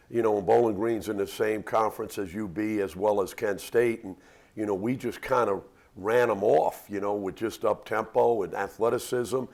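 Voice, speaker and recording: Male basketball coach, low and gravelly, relaxed and rambling. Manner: relaxed, rambling, many "you know" fillers. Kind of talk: radio interview answers.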